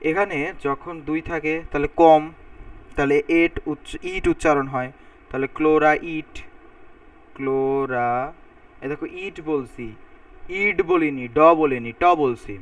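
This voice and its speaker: A man's voice: a little high, normal speed. A man giving a recorded chemistry lecture. He thinks aloud as he writes, and he repeats word endings to drill how they are said. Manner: talks while writing on a board, thinking aloud, repeating sounds to drill pronunciation. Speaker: chemistry teacher. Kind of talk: recorded lecture explaining formulas. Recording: voice a bit far from the mic.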